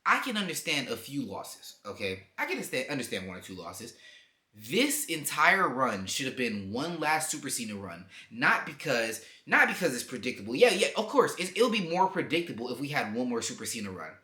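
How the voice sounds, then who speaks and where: A man's voice: mid-range voice, very animated, fairly quick, bright, forceful tone. A young man ranting to camera about wrestling, heated and profane, with lots of emphasis. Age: young adult. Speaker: wrestling commentary vlogger. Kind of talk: opinionated rant to camera. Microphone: camera mic. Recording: echoey room.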